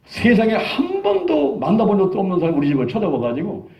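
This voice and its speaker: A man's voice: high-pitched, fast, vocal fry. A man in his sixties, a pastor, telling a testimony in a sermon, acting out the lines of the people in his story. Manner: animated storytelling, acting out quoted dialogue. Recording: dull lo-fi sound.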